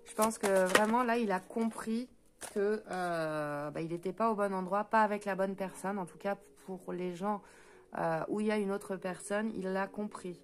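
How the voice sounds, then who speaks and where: Woman, French accent, card reader, fast talker, stumbles over words, hesitant fillers, mid pitch. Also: background noise. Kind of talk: spoken card reading for viewers.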